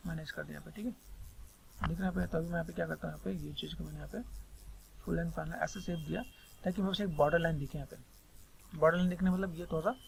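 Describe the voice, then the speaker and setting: A man with a Hindi accent talks fast through a screen-recorded sculpting tutorial, rambling and repeating the same filler phrases again and again. His slightly high voice has a gravelly edge and fairly even intonation, with faint noise humming beneath the recording.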